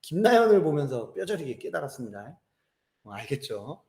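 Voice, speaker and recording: A man in his thirties teaching a lecture, telling stories lively, joking with students and acting out voices. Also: on the high side, moderate pace, reverberant. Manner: lively storytelling, acts out voices, jokes with students. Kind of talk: animated classroom lecture. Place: classroom.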